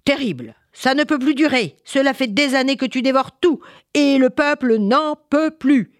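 A woman voicing a brave, angry king giving loud commands in a children's story. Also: medium pitch, big pitch swings, unhurried, dry recording, studio quality, pitched above the performer's own voice. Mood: stern.

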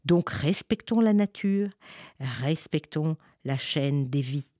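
A woman narrating a children's folk tale with expressive, sing-song storytelling. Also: low-pitched, slow, heavy background noise.

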